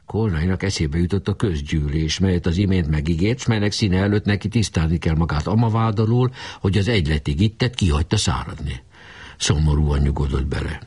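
A man reading a novel aloud with expressive storytelling. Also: low-pitched, slightly rough. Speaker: audiobook reader. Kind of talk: scripted narration.

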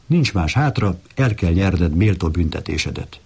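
Man voicing a husky, bossy storybook donkey. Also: deep voice, animated, darkish tone, full character voice. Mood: scolding. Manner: scolding, boastful. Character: bossy, blustering male donkey.

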